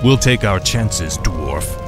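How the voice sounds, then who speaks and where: Game villain: ancient rasping undead king, low, slow, imperious, over loud music. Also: animated. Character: cold, menacing undead male death knight serving the Lich King. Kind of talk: video game unit voice lines. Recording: loud game music and battle noise behind.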